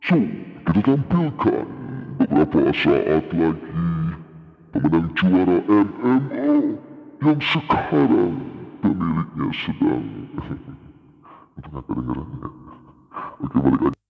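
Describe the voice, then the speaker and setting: A man demonstrating a soundcard's voice changer, his voice turned deep and monstrous by the effect. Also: big pitch swings, slow pace, vocal fry, full character voice. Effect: voice changer making his voice deep and monstrous. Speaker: gadget reviewer. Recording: echoey, dull lo-fi effect sound.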